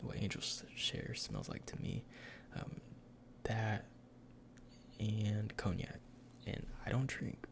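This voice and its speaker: A man in a whispered role-play as a salesman, speaking in a breathy, gravelly whisper with informal, hesitant explanations. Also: lowish voice, huge pitch swings, slow pace, long pauses, noisy background. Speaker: ASMR performer playing a cologne salesman.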